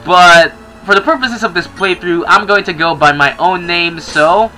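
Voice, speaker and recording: A young man casually commenting as he plays a game, chatty and excitable. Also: sits high, normal speed, faint music behind, poor audio. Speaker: gaming channel host. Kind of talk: casual let's-play commentary.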